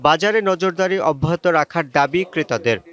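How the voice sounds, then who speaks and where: A male field reporter delivering a scripted news report in a measured, formal way. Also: fairly high pitch, lively intonation, fairly bright tone, muffled recording.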